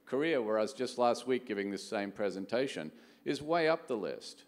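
Speaking at medium pitch and a moderate pace, this animated middle-aged man from Australia gives a keynote in a chatty style, frequently asking rhetorical questions. He's a venture capital executive on a big conference stage, and the recording carries long, echoing hall reverb.

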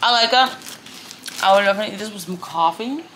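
A woman's voice: medium pitch, quick pace. Young woman talking while chewing. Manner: casual, relaxed reactions. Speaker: vlogger. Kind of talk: casual food review vlog. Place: indoors, travel rental room. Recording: noisy home recording.

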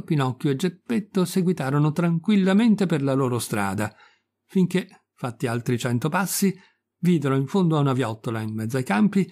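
A man narrating a children's classic as an audiobook reader, in a steady, measured reading. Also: a little high, gravelly. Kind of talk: storybook narration.

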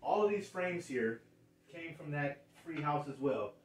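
A man in his 30s, a thrift reseller, shows off a haul in a casual show-and-tell from his living room. His slightly high voice has lively intonation and an unhurried pace, and he rambles, restarts phrases, and points out details. A far-off camera mic picks him up, so the roomy space sounds echoey.

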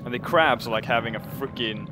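A man's voice: medium pitch, a little fast, noisy background. A man giving casual let's play commentary, musing hesitantly aloud to himself as he goes. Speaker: gaming video host. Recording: voice-over with loud game music behind.

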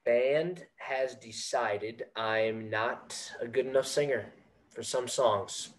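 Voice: medium pitch, slow pace, lightly acted, low-quality recording. A performer reading the part of a young male band singer who jokes and teases, at a script read-through. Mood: sheepish. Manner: teasing, wisecracking.

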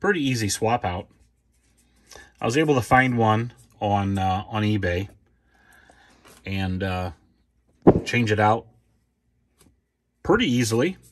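A man casually walking through his own furnace repair off camera, plain and unhurried, with many ums and restarts. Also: lowish voice, animated, a little hiss or hum. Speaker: homeowner showing a repair. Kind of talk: casual DIY walkthrough.

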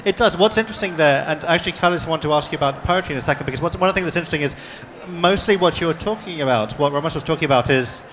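A man's voice: on the high side, very fast, few pauses, fairly bright tone, big-room sound, slight background noise. A man moderating a panel discussion, asking long questions with many restarts. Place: panel session at a book fair.

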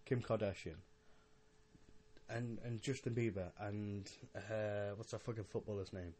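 Young male podcaster, lowish voice, mildly drunk, casual and halting rambling delivery. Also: steady tone, a little mellow. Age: young adult. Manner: halting, rambling, with repeated words and swearing. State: a little drunk. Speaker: podcast host.

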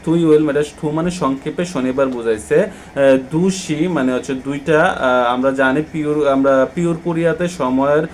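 A man's voice: on the high side, a little mellow, a little hiss or hum. Hesitant Bangladeshi man teaching vocabulary. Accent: Bangladeshi Bengali. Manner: hesitant, many drawn-out "ah" fillers between words. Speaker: Korean language teacher. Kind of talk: explaining textbook vocabulary.

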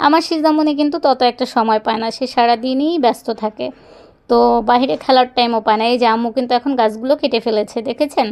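A woman's voice: fairly high pitch, fast talker, darkish tone. A young woman vlogging in a casual, rambling way while walking outdoors, talking into a handheld phone. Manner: chatty, rambling, fond of filler phrases. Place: outdoors on a neighborhood walk.

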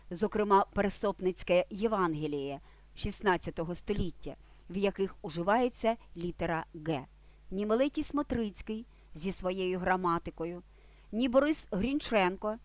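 A woman in a mid-range voice narrates an educational language lesson from a script. She speaks clearly and deliberately and gives key words lively emphasis. The recording is dry and close, with no room sound. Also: medium pitch, no echo. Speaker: language teacher.

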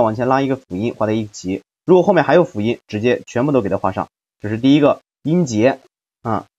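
A man teaching an English phonics lesson, explaining step by step and slowly sounding out each syllable. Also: mid-range voice, darkish tone, dull audio.

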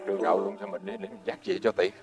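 A man's voice: low voice, flat delivery, rapid-fire, lightly acted. A man with a Southern Vietnamese accent playing a poor, easygoing old fisherman who chuckles and hesitates as he talks. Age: older. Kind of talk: fairy-tale drama acting.

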